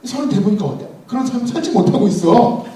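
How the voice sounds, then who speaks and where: A young man preaching in a big, echoey hall, his voice picked up from some way off. His tone is warm and slightly raised, and he swings up and down freely as he tells a humorous story and speaks to the congregation. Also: sits high, expressive, quick pace, a little hiss or hum. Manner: humorous storytelling, addressing the audience directly. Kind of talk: sermon. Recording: echoey hall, mic at a distance.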